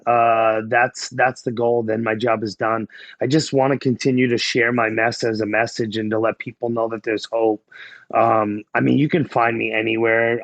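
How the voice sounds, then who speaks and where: A man in his forties with a Boston accent, from small-town New Hampshire near the Massachusetts border in New England, speaks as a guest who is a life coach. He tells his story in a casual, candid, blunt, conversational way, in a mid-range voice with no room sound.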